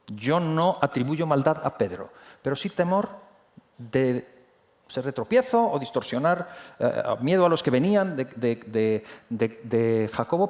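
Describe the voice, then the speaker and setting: A man preaching a sermon in a church, talking conversationally and often restarting his phrases. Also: a little high. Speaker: pastor. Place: church hall.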